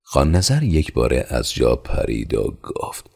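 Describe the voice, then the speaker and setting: Male audiobook narrator, gravelly, husky, steady, measured. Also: extremely low pitch. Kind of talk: scripted novel narration.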